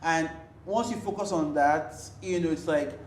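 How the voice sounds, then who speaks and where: A woman talks openly as a podcast guest, animated and emotional, often restarting her sentences. The recording is roomy. Faint noise sits behind her voice. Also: deep voice, normal speed. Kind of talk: candid personal conversation.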